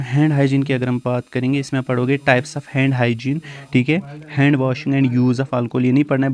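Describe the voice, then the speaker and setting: A man teaching nursing exam topics, repeating key terms back as questions and often clearing his throat. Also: medium pitch, darkish tone. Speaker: nursing tutor.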